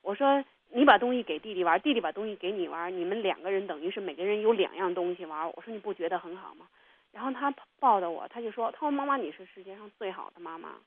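A woman's voice: mid-range voice, animated, fast. Woman, radio guest, earnest storytelling, tinny phone-like sound. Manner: earnest storytelling, acting out her children's voices. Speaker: interview guest. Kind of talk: personal testimony on a radio program.

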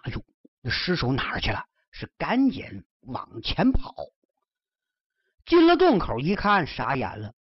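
Lively swooping woman storyteller. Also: on the low side, dry recording. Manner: lively, swooping theatrical delivery. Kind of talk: traditional storytelling narration. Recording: dull lo-fi recording.

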